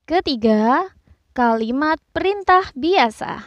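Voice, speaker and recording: A woman narrating a scripted grammar lesson, explaining slowly and carefully and reading out examples. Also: sits high, animated, no room sound. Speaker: teacher.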